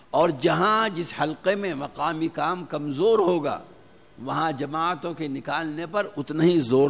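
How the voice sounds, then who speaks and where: A man's voice: a little high, vocal fry, a bit bright. A man giving an earnest, exhortative sermon to a gathering, repeating his key points. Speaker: religious preacher. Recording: reverberant hall with faint ambient noise.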